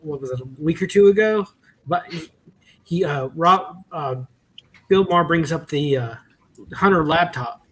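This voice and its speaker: A man chatting casually and giving his opinions, haltingly searching for words as he goes. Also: on the high side, fairly bright tone, husky, rough recording.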